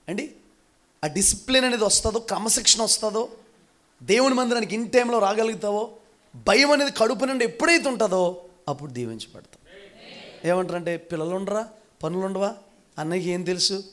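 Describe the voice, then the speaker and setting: A male pastor preaching a fervent sermon to his congregation in church, calling out hallelujah again and again. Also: high-pitched. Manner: fervent, calls for loud hallelujahs, often addresses congregation as beloved.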